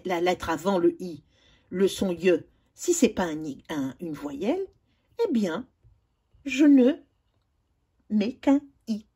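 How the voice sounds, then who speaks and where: A woman, a teacher slowly going over spelling exercises and spelling out letters one by one. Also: mid-range voice, warm tone, slightly rough. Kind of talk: spelling lesson correction.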